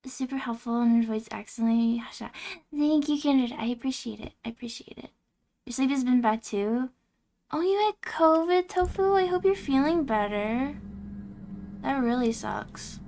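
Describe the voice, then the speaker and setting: A young woman streaming a game, chatting casually, reacting aloud and thanking her viewers, her voice going hoarse. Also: sits high, lively intonation, normal speed, darkish tone. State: losing her voice.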